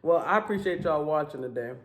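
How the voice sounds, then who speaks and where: A woman hosting a casual eating vlog at home, telling stories with an animated, drawling, laughing manner. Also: sits low, fast talker. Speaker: vlog host. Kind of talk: casual chat while eating. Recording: echoey room.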